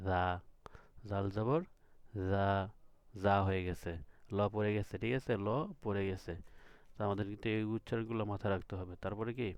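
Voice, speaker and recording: In a recorded lesson, a male Quran reading teacher with a lowish, slightly mellow voice teaches letter sounds to beginners. He patiently repeats each sound and checks understanding with questions. There is no echo.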